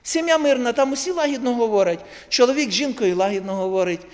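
A man preaches in a church hall, his voice unusually high for a man. He keeps turning to the congregation with rhetorical questions and folds in everyday stories from his own family. Long reverb from the hall trails behind each phrase. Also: quick pace. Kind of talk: sermon to a congregation.

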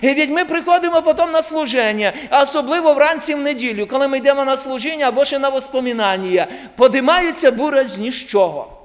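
A man's voice: very high-pitched, fast talker. A man preaching a sermon to his congregation, putting rhetorical questions to them and telling homely stories from his own family life. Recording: long hall reverb.

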